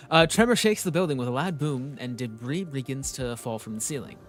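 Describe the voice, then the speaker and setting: A man reading a game story aloud with casual commentary, often stumbling and interrupting himself. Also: mid-range voice. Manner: halting, stumbling, self-interrupting. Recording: faint music behind the voice. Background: faint music.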